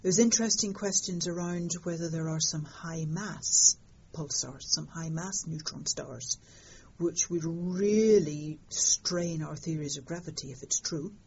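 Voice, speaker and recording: An older woman talks through a discovery in a relaxed interview, wry and vivid. Her voice sits low and sounds husky. The recording is somewhat dull and lo-fi. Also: measured pace, few pauses. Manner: lively storytelling, fond of understatement. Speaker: interviewed astronomer. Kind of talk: conversational interview.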